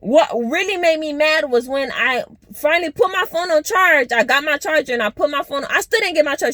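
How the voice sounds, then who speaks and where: A young woman vlogger telling a story in a blunt, animated, profane way. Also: sits high, no room sound. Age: young adult. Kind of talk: casual storytime vlog.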